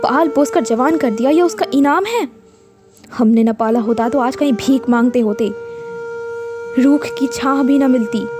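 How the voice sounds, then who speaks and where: A woman voicing a fierce, proud village wife who scolds in a shrill, tearful voice. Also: measured pace, music in the background. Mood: angry scolding.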